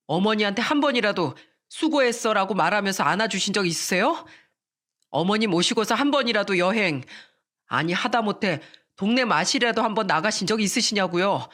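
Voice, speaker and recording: A woman's voice: mid-range voice, a bit bright, lightly acted. A woman voicing a grown eldest son who firmly reproaches his father in a radio story. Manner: pleading, reproachful, formal.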